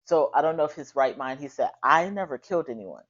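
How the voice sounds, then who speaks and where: A woman co-hosting a casual podcast chat, retelling a haunting story with halting restarts. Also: sits low, animated. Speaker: podcast co-host. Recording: dull lo-fi sound.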